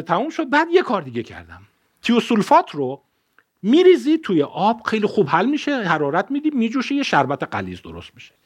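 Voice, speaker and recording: A man in his fifties giving a public science talk, an animated storyteller who mixes ideas with a personal anecdote and often corrects himself. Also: sits high. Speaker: lecturer.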